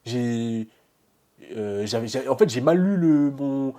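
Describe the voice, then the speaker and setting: A young man vlogging his exam results, nervous and excited, stumbling over his words and restarting his sentences. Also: mid-range voice, slow pace. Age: young adult. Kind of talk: casual vlog reaction.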